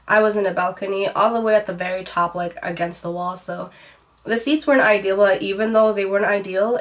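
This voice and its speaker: A young woman with a stuffy, nasal voice from a cold, chatting casually through a favorites vlog, with plenty of rambling "like"s. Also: medium pitch. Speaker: beauty vlogger.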